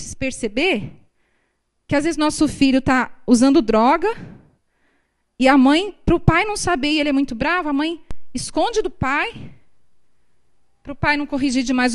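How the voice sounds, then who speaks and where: High-voiced Brazilian woman preaching. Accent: Brazilian Portuguese. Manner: conversational, acts out family dialogue. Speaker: preacher at a prayer group. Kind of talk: sermon.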